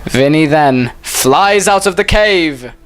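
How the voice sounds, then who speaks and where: A man's voice: fairly high pitch, expressive, takes it slowly. A man patiently narrating an improvised story with a child. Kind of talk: improvised bedtime-style storytelling.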